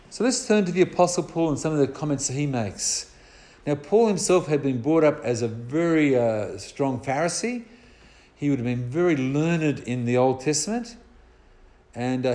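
A man preaching a sermon in an earnest, emphatic way, slowing down to draw out key words. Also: medium pitch, dark tone.

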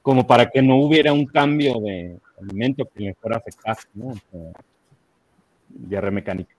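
A man's voice: mid-range voice, normal speed, a little mellow, lo-fi sound, a little hiss or hum. A male guest on a talk show, explaining things in a casual way. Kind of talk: casual chat.

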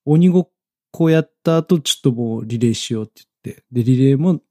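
A man in a casual chat, calm and polite, often answering with short agreements. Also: medium pitch, fast, no echo, clean studio sound.

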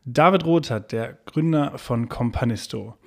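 Male podcast host, mid-pitched, friendly and conversational. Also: a little slow, vocal fry, a little mellow. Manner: friendly, scripted intro, laughs along. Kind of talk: podcast interview.

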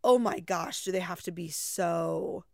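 A chatty woman choir teacher in a relaxed conversation. She talks in an animated way, throwing out rhetorical questions. The sound is dry and close, with no room echo. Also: fairly low pitch, unhurried, vocal fry. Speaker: choir teacher, podcast co-host. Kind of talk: casual chat.

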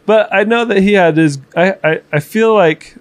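A man in his twenties chatting casually as podcast co-host, reflective and halting, with fillers and restarts. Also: high-pitched, over a noisy crowd. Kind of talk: casual conversation.

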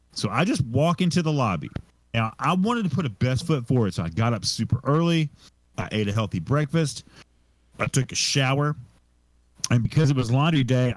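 Young male co-host, casual storyteller, mid pitch, dry recording. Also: dry recording, low-quality recording. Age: young adult. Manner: rambling, self-deprecating storyteller with restarts. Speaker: podcast co-host.

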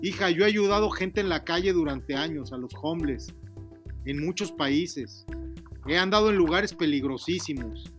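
A man's voice: fairly high pitch, moderate pace, a bit bright, soft background music. A man talking to his daughter in a casual heart-to-heart, earnest and preachy, lecturing her about humility. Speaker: father giving advice.

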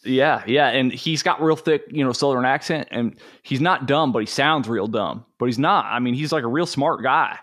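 A man's voice: medium pitch, moderate pace, few pauses, fairly bright tone. A man talking as a podcast guest, telling crude stories in a loose, laughing way. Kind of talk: casual comedic podcast chat.

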